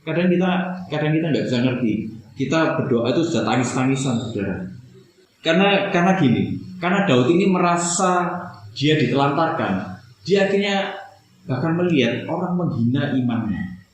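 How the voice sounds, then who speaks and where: Preacher in an echoey hall. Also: male voice, fairly high pitch, slight background noise. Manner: conversational preaching, often addressing listeners as brothers and sisters. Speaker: pastor. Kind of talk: sermon.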